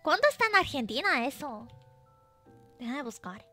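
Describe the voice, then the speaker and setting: A woman's voice: sits high, very animated, moderate pace, pushed and bright, faint music behind. A woman streaming as a VTuber, chatting casually and playfully, teasing her chat and reading messages aloud.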